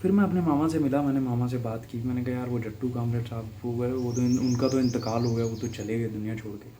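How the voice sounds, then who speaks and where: A young man from Haryana, India, tells a personal story in an unhurried, reflective way, now and then pausing to restart a thought. His voice is warm and mellow, at a middling pitch. Faint outdoor noise and birdsong sit behind him. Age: young adult. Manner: reflective, conversational, with small laughs and restarts. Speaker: guest reader sharing a personal story.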